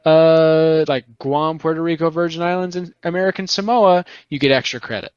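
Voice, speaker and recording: A man's voice: a little high, steady tone, moderate pace, darkish tone, clean tone, no echo. A young man from Montana telling long, rambling, profane stories in casual podcast chat. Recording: slightly dull, dry sound.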